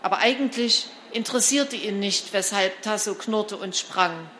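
A woman narrating a children's storybook in an expressive, lively reading style. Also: mid-range voice, moderate pace, slight background noise. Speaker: storybook reader.

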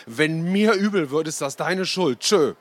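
A man plays a stubborn young boy in a storybook, his voice pushed up and loud with impatience. He talks back in an insistent, raised voice. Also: fairly high pitch, big pitch swings, normal speed, breathy edge, pitched above the performer's own voice, exaggerated voice. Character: stubborn, impatient schoolboy narrator.

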